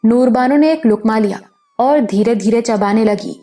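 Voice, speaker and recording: A woman calmly narrating a novel as an audiobook. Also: on the high side. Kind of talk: scripted narration.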